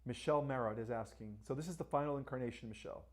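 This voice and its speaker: A man's voice: mid-range voice, rapid-fire. A man with a Spanish accent hosting a live-stream question-and-answer session, talking emphatically and often checking in with "all right" and "right?". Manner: asks viewers to like and share. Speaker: livestream host.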